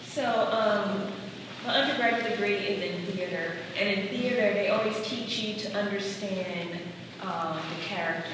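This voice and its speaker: A woman's voice: mid-range voice, moderate pace. A woman giving advice in a conversational, explanatory way at a public discussion. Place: large reverberant room at a public discussion. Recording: very echoey noisy hall, distant mic.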